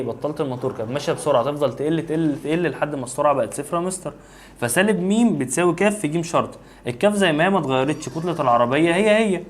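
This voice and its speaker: A man with an Egyptian accent teaching a physics review lesson, reasoning aloud step by step and addressing the student directly. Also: a little high. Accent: Egyptian Arabic.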